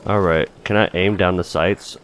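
A man's voice: low-pitched, steady tone, moderate pace, slight background noise. A man giving casual gameplay commentary, thinking aloud informally as he plays. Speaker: gaming video host.

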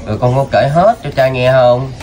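A man gently coaxes answers out of a child, filling gaps with soft fillers. His voice sits at an ordinary middle pitch. Clear background noise surrounds him outdoors. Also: animated, fairly quick. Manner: gentle, coaxing questions with many fillers. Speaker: vlogger interviewing a child. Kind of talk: casual street interview.

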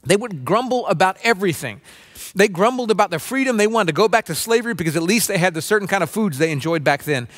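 Man in his forties, pastor, earnest conversational sermon, fairly high voice, lapel mic. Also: expressive, fast talker, a bit bright. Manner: earnest, conversational preaching with repeated restarts and mimicked grumbling. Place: dim stage with spotlights, seated at small table.

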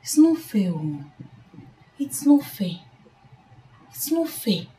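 An actress who pleads and scolds, repeating herself. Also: female voice, fairly high pitch, sing-song, takes it slowly, warm tone, a little hiss or hum, poor audio. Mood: pleading. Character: anxious, moralizing young woman scolding a friend. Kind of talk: Nollywood film acting. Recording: film soundtrack with music underneath.

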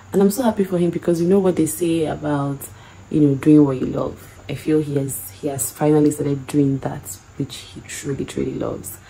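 Tired, calm woman with a low, mellow voice. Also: a little hiss or hum, rough recording. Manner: calm, gushing with pride. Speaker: graduate's wife. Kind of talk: casual talk to camera.

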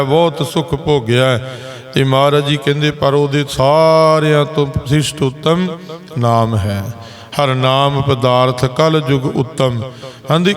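Man preaching, chanting verses between. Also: on the high side. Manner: slow, explanatory, breaks into chanted verse. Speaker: Sikh preacher giving katha. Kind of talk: sermon with sung scripture lines. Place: gurdwara.

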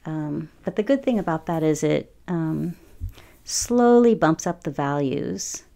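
A woman's voice: sits low, expressive, unhurried, gravelly, dark tone. A woman in her forties chatting casually over her painting process, rambling with frequent ums. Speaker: watercolor artist.

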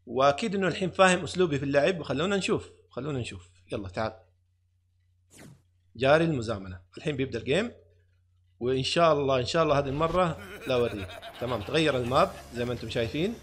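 A man giving excited live commentary on a fighting game, talking to his viewers and taunting his opponent. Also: medium pitch, rapid-fire, husky. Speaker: gaming YouTuber.

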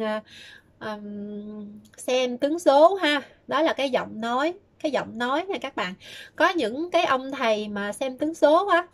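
A woman giving chatty, casual advice, often starting sentences with filler words. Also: a little high. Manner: chatty, many fillers and repeated "đó". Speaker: fortune-telling vlogger. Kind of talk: casual spoken advice talk.

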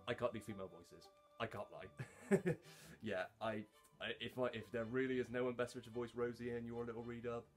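A man's voice: medium pitch, fairly even intonation, moderate pace, soft background music. A man chatting casually to camera as a fan voice actor, rambling and self-deprecating.

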